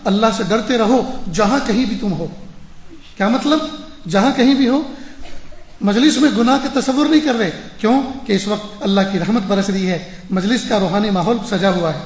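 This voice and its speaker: A man's voice: high voice, echoey room, poor audio. A man, a maulana, preaching a sermon through a moral story, emphatic and repeating phrases for stress. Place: mosque.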